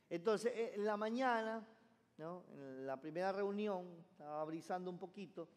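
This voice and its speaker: Male pastor, high voice, emphatic call-and-response preaching, long church reverb. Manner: emphatic, calls congregation to repeat phrases. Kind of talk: sermon. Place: church sanctuary.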